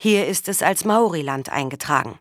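A woman's voice: low-pitched, expressive, moderate pace, no echo, studio quality. A woman reading the part of a firm, matter-of-fact man settling a land dispute.

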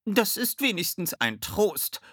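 A man voicing a bossy, determined girl with a high, sharp voice. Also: big pitch swings, takes it slowly, no echo, studio quality, full character voice.

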